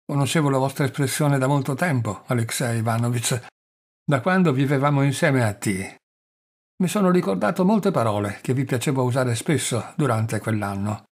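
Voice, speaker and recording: A man's voice: medium pitch, normal speed, breathy edge. A man voicing a fawning, pleading husband. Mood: obsequious. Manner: plaintive and obsequious. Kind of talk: audiobook character reading.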